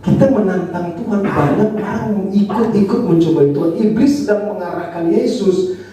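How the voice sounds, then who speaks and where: Male pastor, Indonesian accent, high voice, sermon, turns to the congregation again and again, heavy church reverb, distant mic. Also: normal speed, dark tone. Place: church hall. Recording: echoey hall, voice from a distance.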